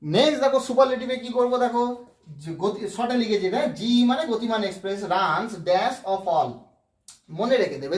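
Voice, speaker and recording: A man with a fairly high voice gives an English grammar lesson to students on video. He explains patiently, step by step, and keeps asking whether they have followed. The sound rings around a room with a noticeable echo. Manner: explanatory, repeatedly checks understanding with rhetorical questions.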